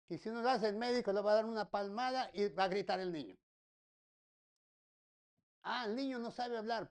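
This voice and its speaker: A woman's voice: fairly high pitch, darkish tone. Lady pastor preaching, says things twice, asks the church rhetorical questions, jokey folksy asides. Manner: repeats phrases, asks the congregation rhetorical questions. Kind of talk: sermon.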